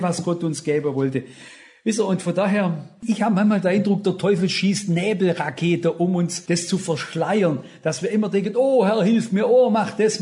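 An older man preaching a sermon, lively, often turning to his listeners with questions. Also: high voice.

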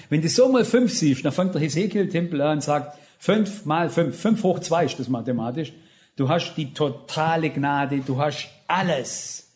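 High-voiced older male preacher. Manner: lively preaching, often asks listeners "wisst ihr". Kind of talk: sermon.

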